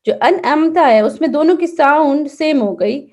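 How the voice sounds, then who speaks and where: A woman's voice: high voice, lively intonation, a little mellow. A woman teaching children in an online class, patiently correcting their recitation and checking in with them often. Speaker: Quran and Seerah teacher for kids.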